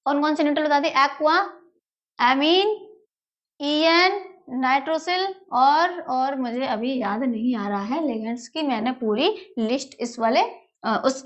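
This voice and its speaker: Lady teacher, pretty high voice, keeps asking then answering herself, repeats terms over and over. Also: lo-fi sound. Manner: calls students "beta", repeats key words, asks and answers her own questions. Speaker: chemistry teacher. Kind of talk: whiteboard lesson, explaining step by step.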